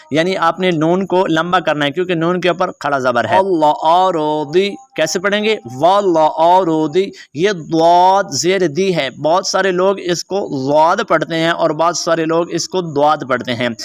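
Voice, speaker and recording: A man teaching beginners to read the Quran, spelling out letters and vowel marks, then reciting each verse slowly and explaining it in quick asides. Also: fairly high pitch, a bit bright, smooth, no room sound, clean studio sound. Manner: alternates slow drawn-out recitation with quick explanations.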